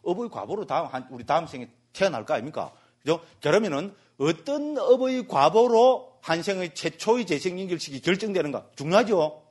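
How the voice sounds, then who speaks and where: Lively husky-voiced monk lecturer, man. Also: fairly high pitch, fairly quick, few pauses. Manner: keeps asking the class "right?", jokey and lively. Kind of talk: animated dharma lecture. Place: meditation center lecture hall.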